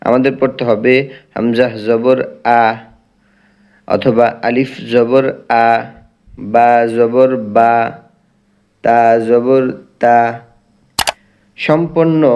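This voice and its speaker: A man's voice: medium pitch, muffled recording. A man teaching Quran reading, drilling Arabic letter sounds one by one in an instructional lesson. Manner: recites Arabic in a drawn-out chant.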